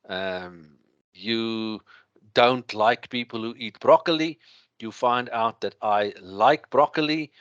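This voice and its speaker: A man with a thick Afrikaans accent lecturing through slides, explaining in a halting way with everyday examples. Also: fairly low pitch, a bit bright, dry recording, muffled recording.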